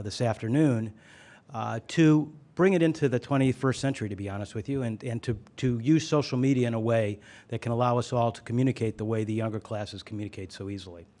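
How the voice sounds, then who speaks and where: A man addressing a conference on behalf of the board, at an ordinary pitch. He talks hesitantly, dropping "uh" between phrases. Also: darkish tone. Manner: hesitant, many "uh" fillers. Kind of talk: prepared speech at a podium.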